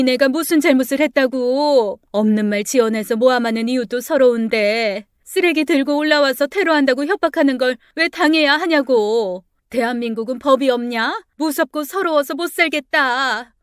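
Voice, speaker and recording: Woman doing a shrill rude middle-aged neighbor. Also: moderate pace, hardly any pauses, clear, resonant tone, no echo, clean studio sound, natural voice. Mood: wailing. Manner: shrill, indignant, whiny. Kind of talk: storybook dialogue.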